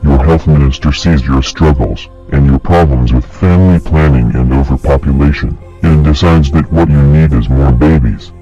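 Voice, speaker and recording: Anonymous guy with a disguised deep voice, super low and dark, reading a grave scripted message, muffled audio. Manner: grave, accusing, measured. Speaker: anonymous narrator. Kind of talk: scripted political address. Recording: dull lo-fi audio with faint music.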